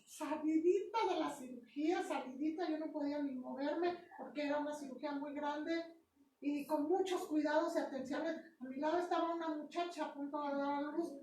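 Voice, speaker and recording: High-voiced woman pastor preaching. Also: a little hiss or hum. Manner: emphatic, repeats phrases, keeps checking in with the congregation. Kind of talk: sermon with personal testimony. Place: church sanctuary. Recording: echoey church hall, mic far off.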